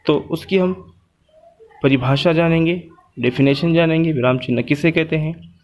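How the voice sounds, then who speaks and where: Guy with a slightly high voice explaining grammar to kids, patient, says things over and over. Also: normal speed, a little mellow. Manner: patient, repeats points and lists. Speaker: teacher. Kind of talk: Hindi grammar lesson for schoolchildren.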